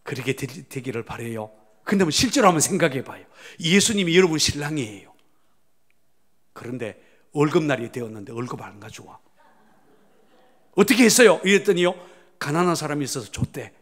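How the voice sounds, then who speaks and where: Fervent pastor in a reverberant church. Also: male voice, mid-range voice, lively intonation, fairly quick. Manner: dramatic swings between loud exclamations and hushed whispers; prods the congregation to answer and say amen. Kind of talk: sermon. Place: church sanctuary. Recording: long church hall reverb.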